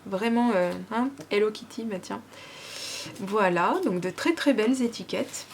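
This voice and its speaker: A woman's voice: mid-range voice, a little slow, a little hiss or hum. Gushing chatty French woman vlogger. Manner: gushing, chatty, many fillers. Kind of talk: casual unboxing chat.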